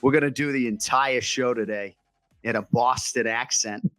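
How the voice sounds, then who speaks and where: A man co-hosting a sports podcast, joking and teasing in quick casual banter. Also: medium pitch, fairly bright tone, no echo, soft background music. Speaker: podcast co-host.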